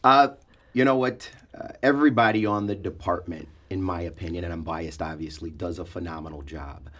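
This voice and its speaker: A man's voice: low voice, fairly quick, a bit bright. A man answering interview questions as a fire department spokesman, explaining conversationally with frequent asides.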